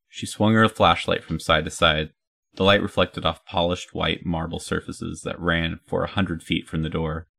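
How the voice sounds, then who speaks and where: A man reading a fantasy story aloud as its narrator, in a steady storytelling manner. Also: deep voice, creaky.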